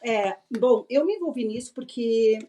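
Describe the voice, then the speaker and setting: A woman telling a lively personal story in a mellow voice. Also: on the high side, normal speed. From Brazil. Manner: animated, acts out remembered dialogue, laughs often. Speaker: podcast guest. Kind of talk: casual interview storytelling.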